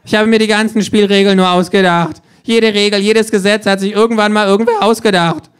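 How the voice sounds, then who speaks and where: A man voicing a smug high-pitched talking kangaroo. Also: little pitch movement, brisk, clean tone, close to an everyday voice. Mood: smug lecturing. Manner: smug, lecturing, mocking. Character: cheeky know-it-all talking kangaroo, sardonic. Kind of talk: audiobook-style rules narration.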